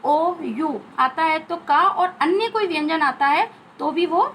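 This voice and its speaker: A woman's voice: high-pitched, unhurried, fairly bright tone, a little hiss or hum, rough recording. An Indian woman teacher giving a phonics lesson to children, spelling out letters and repeating each sound.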